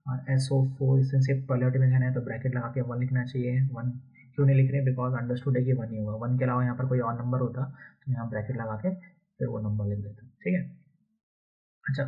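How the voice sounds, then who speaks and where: A man's voice: mid-range voice, level tone, brisk, breathy edge. A man teaching a chemistry lesson, explaining step by step and repeating key terms often. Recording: dull lo-fi recording.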